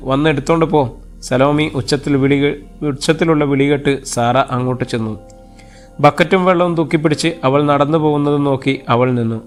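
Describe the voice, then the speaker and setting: A man's voice: medium pitch, clean tone. A man narrating a romance audio novel, reading all the characters' lines in his own voice. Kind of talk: storytelling narration with acted dialogue.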